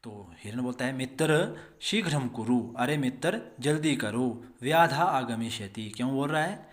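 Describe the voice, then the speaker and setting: A male school teacher giving a recorded lesson, reading each line of a text and then explaining it slowly and patiently, with many repetitions. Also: medium pitch, animated. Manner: slow, patient, repeats each line in translation.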